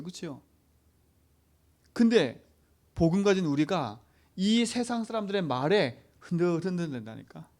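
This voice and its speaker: A man's voice: high-pitched, darkish tone. A man preaching a sermon to a youth service, emphatic, who keeps asking the congregation short questions for agreement. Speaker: pastor.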